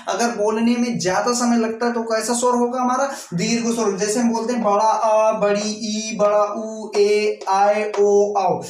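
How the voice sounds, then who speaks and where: A man teaching an exam coaching lesson who keeps checking in with his students and draws out sounds to demonstrate them. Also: high-pitched. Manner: keeps repeating "ठीक है दोस्तों", drawing out sounds to demonstrate. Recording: echoey room, off-mic.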